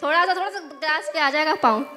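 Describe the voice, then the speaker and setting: A high-pitched woman gives calm, steady directions on a game show. Her voice echoes through a big hall. Music plays clearly in the background. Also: fast.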